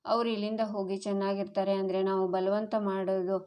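A sulking young husband complains bitterly, as a woman reads his part. The voice stays flat and mid-pitched throughout. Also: fairly quick, natural voice. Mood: resigned.

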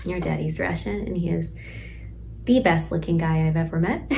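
A woman playing a pregnant sixteen-year-old girl in detention, speaking softly and slowly in a stage monologue, some lines whispered. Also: on the low side, gravelly, a little hiss or hum, rough recording. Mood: tender. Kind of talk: stage monologue, letter to her unborn baby.

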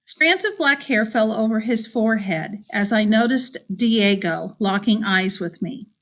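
A woman's voice: a little high, fairly bright tone. A woman narrating a first-person audiobook in a wry, self-conscious tone.

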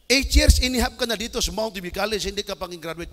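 A man from the Philippines preaching a sermon as an evangelist, telling stories with sudden shouted bursts. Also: high voice, fast talker. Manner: animated storytelling with bursts of shouting. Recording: long hall reverb.

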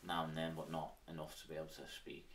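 Low-voiced Manx man, chatting casually. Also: monotone, quick pace, a bit bright, recorded from a distance, a little hiss or hum. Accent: Manx, Isle of Man. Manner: informal, with frequent "sort of" and "like". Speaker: interview guest, former professional cyclist. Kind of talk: casual interview reminiscence.

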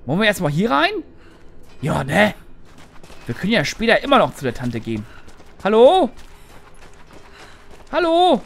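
A man's voice: a little high, huge pitch swings, fairly quick, vocal fry, pauses often, a bit bright. A man narrating his game in a joking, rambling way with mock anger, as a let's play host. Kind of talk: gaming commentary.

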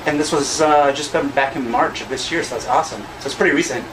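A man's voice: a little high, fast talker, distant mic, crowd noise, rough recording. A man from the United States, a drag queen, giving casual reaction commentary with slangy, approving banter. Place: small decorated studio, indoors. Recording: music playing over the talk.

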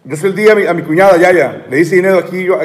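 A man's voice: sits high, fast talker, big-room sound. A man telling a long, aggrieved story in a rambling live-stream monologue, repeating and stammering often.

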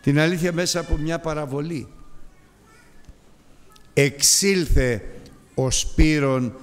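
A man's voice: a little high, big-room sound. A man preaching a sermon with an impassioned, emphatic delivery that rises and repeats its phrases.

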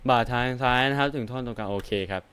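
A man playing a horror game, reading its dialogue aloud and joking, swearing and reacting loudly to the scares. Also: medium pitch, fast talker, smooth. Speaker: game streamer. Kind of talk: casual let's-play commentary, reading game dialogue aloud.

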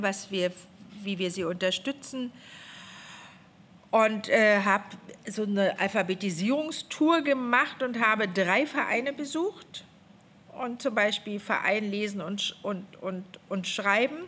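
There's slight background noise as a female government official in her fifties addresses a parliamentary committee through a gooseneck desk microphone. Her report is spontaneous and lively, full of restarted phrases, delivered in a mid-range, fairly bright voice.

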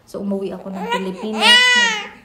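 A woman's voice: medium pitch, moderate pace. A young Filipino woman telling a personal story in a casual, rambling vlog with many restarts. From Philippines. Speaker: vlogger. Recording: echoey room, faint noise.

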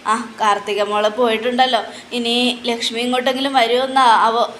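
A woman's voice: on the high side, flat delivery, normal speed, fairly bright tone, roomy sound, a little hiss or hum, close to an everyday voice. A woman voicing a scheming grandmother in her sixties or older who fakes crying in a showy, whiny way. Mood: coaxing. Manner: whiny, overdone wailing. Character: theatrical old grandmother, fake-crying schemer.

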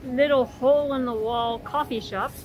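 A woman in her forties, a vlog host, chatting excitedly into a close-held phone camera in a small quiet cafe. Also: high-pitched, a little slow, dull audio, slight background noise. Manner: bubbly and gushing, excitable. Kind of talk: casual travel vlog. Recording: loud music behind the voice.

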